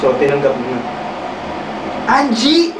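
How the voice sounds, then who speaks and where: A woman putting on a low male voice to play an exasperated young husband in a comedic fan redub. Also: fairly even intonation, measured pace, roomy sound, far from the mic, very noisy.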